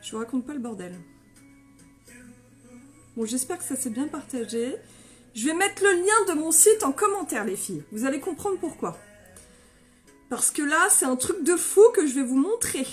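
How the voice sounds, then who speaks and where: A woman in her thirties, chatty and excitable on a live stream, greeting viewers by name while her nose is stuffed up from a sinus infection. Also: sits high, moderate pace, pauses often, faint music behind.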